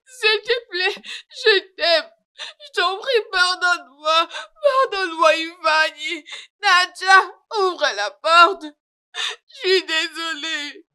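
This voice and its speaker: A woman's voice: high-pitched, pushed and bright, full character voice. A woman dubbing a proud wife who begs her husband for forgiveness, pleading and sobbing, in a French-dubbed film.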